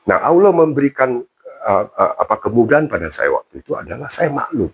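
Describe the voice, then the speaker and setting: A man tells his own conversion story in a casual interview, chatty and colloquial, mocking himself and using many fillers. His medium-pitched voice swings hugely in pitch, with a brisk pace and a breathy edge.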